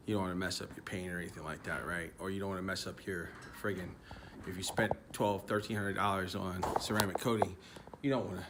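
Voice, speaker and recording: A man with a Philadelphia accent hosting a car channel, talking in a laid-back, chatty way and swearing casually. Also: low-pitched. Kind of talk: casual vlog talk. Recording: noisy outdoor ambience. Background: outdoor noise.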